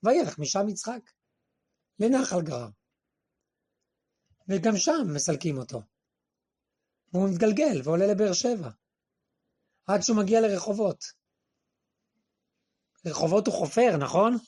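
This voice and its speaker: Male Torah teacher, high-pitched and husky, asks and answers his own questions, drops his voice lower and quieter for quoted lines. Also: lively intonation, pauses often. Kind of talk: Torah class.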